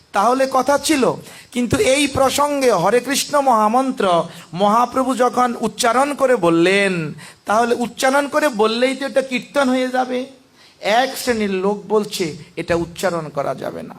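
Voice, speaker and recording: High-voiced man preaching slowly. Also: fairly bright tone. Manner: chants verses and mantras in a slow, sung cadence; argues with rhetorical questions. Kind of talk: devotional sermon with scripture recitation.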